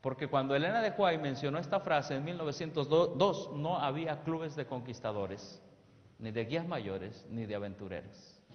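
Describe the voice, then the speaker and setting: In a sermon-style presentation on youth ministry, a man with a mid-range voice speaks at normal speed and emphatically, asking the audience questions that they answer. The recording is reverberant, as in a hall, and dull and lo-fi.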